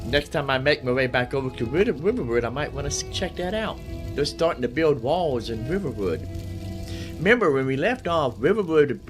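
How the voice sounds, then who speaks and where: A man with a medium-pitched, expressive voice talks fairly quickly over background music. He hosts a casual game livestream, rambling folksily and repeating phrases for emphasis.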